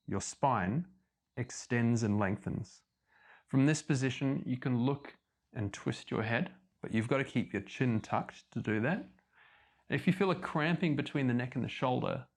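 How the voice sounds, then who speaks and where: A man leading a guided yoga class as instructor, giving calm, measured step-by-step cues. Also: medium pitch.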